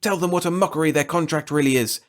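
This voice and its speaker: A man's voice: a little high, fast, pitched above the performer's own voice, natural voice. A man voicing a taunting telepathic voice with an insistent, mocking manner. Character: mocking telepathic voice inside a man's head.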